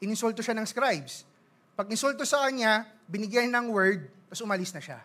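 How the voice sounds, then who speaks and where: A Filipino man preaching a sermon as pastor, mixing Tagalog with English, reading scripture slowly and joking with the congregation. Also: high voice, sharp tone. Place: church service.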